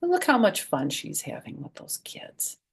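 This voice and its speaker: During a children's storytime, a woman whispers as she reads a picture book and explains things simply and chattily for little listeners. Her husky, creaky voice is mid-range, moving at normal speed with huge pitch swings.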